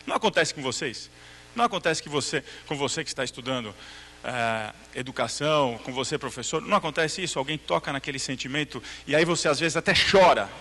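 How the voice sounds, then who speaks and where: Bright-voiced lecturer in a reverberant hall. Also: male voice, fairly high pitch. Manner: storytelling, acts out dialogue and checks in with the audience. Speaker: lecturer at a religious talk. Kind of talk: religious lecture to a live audience.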